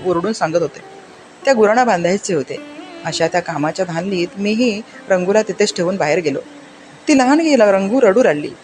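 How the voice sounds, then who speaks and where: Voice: medium pitch, a little mellow. Storyteller, heartfelt first-person reading of a classic children's story; music bed behind. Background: background music.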